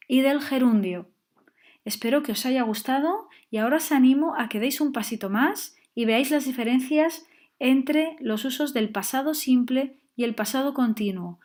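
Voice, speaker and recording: Woman teaching grammar, slightly high. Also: darkish tone. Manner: clear, patient explaining with frequent check-ins. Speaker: English teacher. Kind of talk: grammar lesson.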